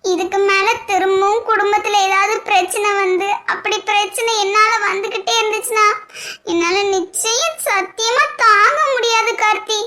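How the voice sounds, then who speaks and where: A woman voicing a gentle, sorrowful young woman in a homemade cartoon, pleading and close to tears. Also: steady tone, moderate pace. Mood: sad pleading. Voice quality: very high, bright, squeaky. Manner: pleading, tearful. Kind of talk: amateur cartoon voice acting.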